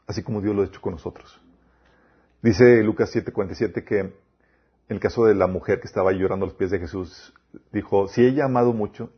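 Husky-voiced man preaching a sermon. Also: on the low side, muffled recording. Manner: addresses listeners as "chicos", quotes scripture, rhetorical questions.

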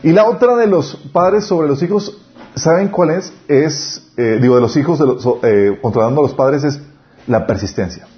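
Lively man preaching, dull lo-fi sound. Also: fairly high pitch, moderate pace. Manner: lively, acts out family dialogues with laughs. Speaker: pastor. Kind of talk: sermon on parenting. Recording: dull lo-fi recording.

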